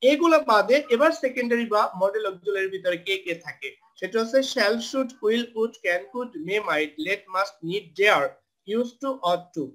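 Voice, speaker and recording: A man with a high-pitched voice teaches a live online grammar lesson. He walks through each rule step by step and stops to spell out words. He drops English terms into his explanations as he goes. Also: animated, a little slow, fairly bright tone. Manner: mixes English terms into Bangla.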